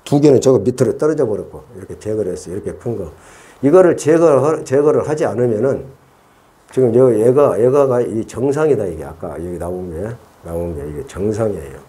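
A middle-aged man teaches gardening in a relaxed, chatty way, often repeating himself and thinking aloud. His pitch rises and falls in an animated way, and his tone stays soft and mellow. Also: a little fast. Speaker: orchid-growing channel host. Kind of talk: casual hands-on gardening tutorial.

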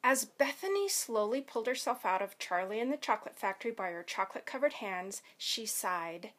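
A woman elementary school teacher reading a children's novel aloud to her students in a lively, expressive storytelling way. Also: medium pitch, a little fast.

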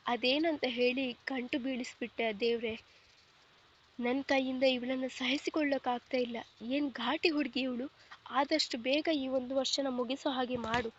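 A woman's voice: high voice, steady tone, moderate pace, highs cut off, a little hiss or hum, close to an everyday voice. A woman voicing an arrogant, sarcastic young husband in a storybook reading, curt and mocking. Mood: grumbling.

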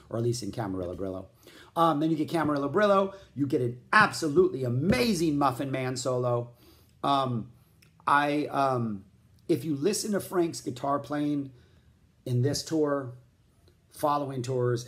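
A man giving a casual spoken album review, rambling and enthusiastic, with lots of "like" fillers, scatting riffs aloud and mentioning he feels hot. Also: mid-range voice. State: feeling hot. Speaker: music vlogger reviewing albums.

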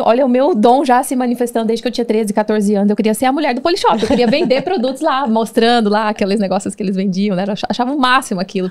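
Uma apresentadora brasileira de podcast, de fala bem ligeira, conduz a conversa com perguntas curiosas. O tom é aberto e animado, de estúdio. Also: female voice, fairly high pitch. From Brazil. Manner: lively, conversational, leading questions. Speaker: podcast host. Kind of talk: casual interview chat.

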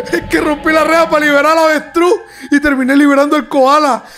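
A young man commenting on a horror video game in an excitable way, yelping, laughing and talking straight to his viewers. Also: very high voice, brisk. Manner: excitable, yelps and laughs, talks to viewers as "amigos". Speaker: gaming YouTuber.

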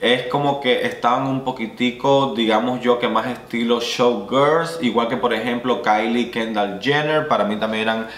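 A man's voice: medium pitch, steady tone, moderate pace, hardly any pauses, a bit bright. A young man, a drag queen, giving emphatic, opinionated commentary in a casual vlog. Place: small indoor room. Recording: roomy echoey room.

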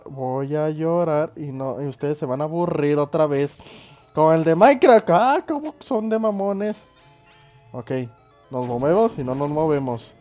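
A young man with a Mexican accent giving let's play commentary on a game. He is excitable, swears a lot and yells at the screen. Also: a little high. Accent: Mexican Spanish. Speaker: gaming YouTuber. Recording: dull lo-fi sound with faint game music.

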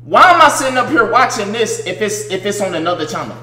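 A man's voice: high-pitched, big pitch swings, fast, bright, forceful tone, roomy sound. A young man chatting casually on a livestream in slang, incredulous and repeating his phrases. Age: young adult. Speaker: game streamer. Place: indoor streaming room at a gaming chair.

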